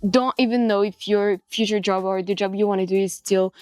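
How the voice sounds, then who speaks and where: A woman's voice: mid-range voice, fairly even intonation, brisk, clean tone, no echo. A young French woman, a student, answering interview questions casually with some hesitation. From France. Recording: soft music underneath.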